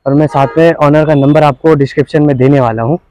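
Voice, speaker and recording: A young male host walks viewers through a property in an upbeat sales-pitch tone. His voice sits a little high for a man and sounds close and dry, with almost no room sound. He pauses briefly between phrases as he points things out. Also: fairly even intonation, darkish tone, no echo, low-quality recording. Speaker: real estate channel host. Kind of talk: property walkthrough narration. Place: street and empty shop, out and indoors.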